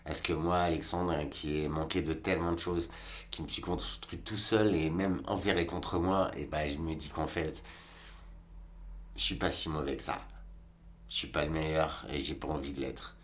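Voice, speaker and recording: A man in his forties with a remarkably deep, low voice speaks to camera in a loose, meandering way, full of casual asides addressed to the viewer. A faint hum sits underneath the recording. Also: steady tone, normal speed. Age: 40s. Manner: rambling, colloquial, talks straight to the viewer. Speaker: vlogger. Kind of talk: casual reflective monologue.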